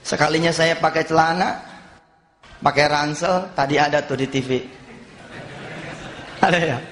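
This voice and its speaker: A middle-aged man preaching a sermon, telling stories and acting out the dialogue with lively energy. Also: a little high, normal speed, a little hiss or hum. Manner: lively storytelling, acts out dialogue. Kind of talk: sermon with anecdotes. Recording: long hall reverb.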